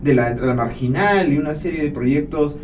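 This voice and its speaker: A man's voice: on the high side, moderate pace, a little mellow. A man, a forestry specialist who is a guest in a radio interview, explaining his points carefully and often tagging his sentences with a questioning "¿no?". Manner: explanatory, with "¿no?" tags and restarts. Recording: distant mic with faint ambient noise.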